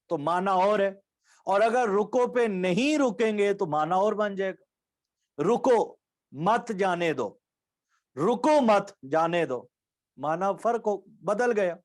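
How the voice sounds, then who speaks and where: A man from Pakistan giving an online lecture as a Quran recitation teacher, explaining rules patiently and repeating key points and examples. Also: high-pitched.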